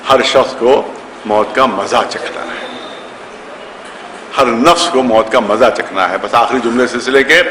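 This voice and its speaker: Man preaching a majlis, bright forceful voice, lots of repeating lines, big echoey hall. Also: mid-range voice, slight background noise. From India, Lucknow. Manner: repeats phrases for emphasis, acts out quoted voices. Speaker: Shia cleric reciting a majlis. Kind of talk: storytelling sermon. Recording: echoey hall with long reverb.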